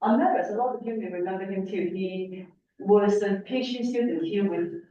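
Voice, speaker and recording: Woman, speaking through a face mask, informal lecture, halting explanatory delivery, distant mic, faint noise. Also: mid-range voice, heavy reverb, highs cut off. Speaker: academic lecturer, researcher. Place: indoor lecture room. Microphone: distant room microphone.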